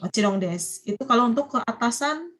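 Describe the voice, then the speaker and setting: A woman's voice: fairly high pitch, expressive, quick pace, fairly bright tone. Woman teaching japanese online, starts phrases and lets students finish them. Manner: coaxing students to complete phrases. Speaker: Japanese language lecturer. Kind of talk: online university class.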